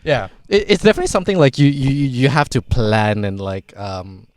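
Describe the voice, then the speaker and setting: A man from Singapore hosts a casual podcast. His voice sits at an average pitch, and he rambles with plenty of "like" and the odd curse. The recording is dry and close. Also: brisk, darkish tone, no room sound. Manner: rambling, swears freely, frequent "like". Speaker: podcast host.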